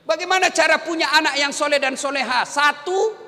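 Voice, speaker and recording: A man's voice: extremely high pitch, a little fast, sharp tone, in a large hall. A man giving a humorous sermon to a congregation, joking and asking the listeners questions. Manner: jokes and asks the audience questions. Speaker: preacher.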